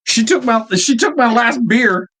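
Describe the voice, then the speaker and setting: A man's voice: very high voice, lively intonation, normal speed, bright, forceful tone. A man hosting a casual live stream from his home workshop, brash and swearing freely. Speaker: stream host. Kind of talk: casual chat.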